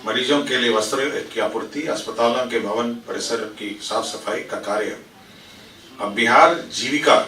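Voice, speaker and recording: Echoey, bright-voiced man briefing the press. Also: mid-range voice. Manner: formal, explanatory, mixes in English administrative terms. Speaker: government official briefing the press. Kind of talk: press briefing, reading out cabinet decisions. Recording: echoey room, distant mic, faint noise.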